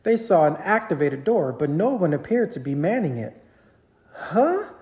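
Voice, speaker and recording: This parent reads a picture book with real animation, letting the voice swoop up and down within every sentence, all at a moderate speed.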